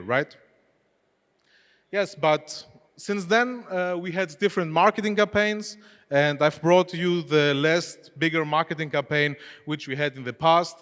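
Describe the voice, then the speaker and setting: A long reverb from a large expo hall colors the fairly high, fairly bright voice of this man, clear and resonant, as he presents chattily on stage. He is a head of e-commerce whose first language is Greek, and he puts questions to the audience in loosely phrased English.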